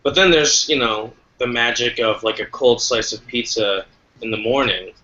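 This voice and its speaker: A man's voice: medium pitch, normal speed, pushed and bright, highs cut off, natural voice. A man playing a laid-back roommate in an improv comedy scene, easygoing and defensive, later boiling over. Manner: easygoing, defensive, escalating to outburst. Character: laid-back roommate cooking late brunch.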